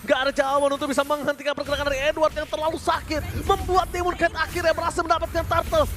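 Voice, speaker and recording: An Indonesian man shoutcasting esports as excited play-by-play, in a fighting game announcer's dramatic, drawn-out style. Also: extremely high pitch, music in the background.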